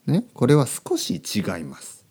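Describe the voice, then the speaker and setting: A man in his thirties hosting a podcast for language learners, speaking slowly and simply and repeating key phrases. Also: mid-range voice, wildly swooping pitch, mellow, slightly rough. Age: 30s. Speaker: podcast host teaching Japanese. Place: recorded at night.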